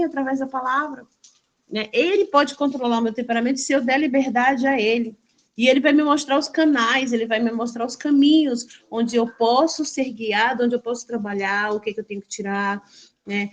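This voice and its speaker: Animated woman pastor. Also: fairly high pitch. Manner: lively, animated storytelling. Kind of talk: devotional testimony.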